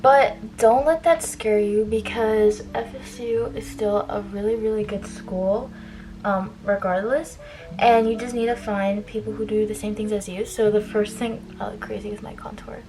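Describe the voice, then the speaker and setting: A woman's voice: medium pitch, fairly even intonation, unhurried, music in the background, low-quality recording. A young adult woman chatting informally through a get-ready-with-me makeup vlog, giving advice with frequent filler "like" and trailing asides. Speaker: beauty vlogger giving college advice. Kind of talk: casual get-ready-with-me chit chat while doing makeup.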